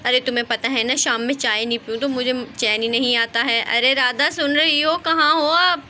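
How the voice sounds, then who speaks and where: Lady doing a jumpy village gal in a doll story, high bright voice, always fretting. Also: fairly even intonation, normal speed, a little hiss or hum. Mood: fretful. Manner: fussy, exclaiming often. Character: chatty village woman Sweety, tea-loving and jumpy.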